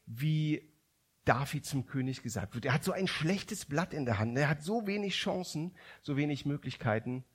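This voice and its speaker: A man's voice: fairly high pitch, lively intonation, moderate pace, slightly rough. A man preaching a sermon, retelling a story conversationally with frequent restarts.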